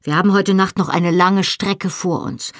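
A reader voicing a stern, commanding man who leads a band of Highland men in an audiobook, speaking with authority that allows no argument. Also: steady tone, normal speed, no room sound, clean studio sound, close to an everyday voice. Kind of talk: audiobook reading.

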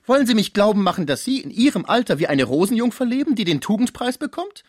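A man reading aloud and voicing a nosy, chattering middle-aged concierge woman who scolds and gossips in a high, shrill voice. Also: very animated, fast, a little mellow, dry recording, studio quality. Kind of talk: radio book reading.

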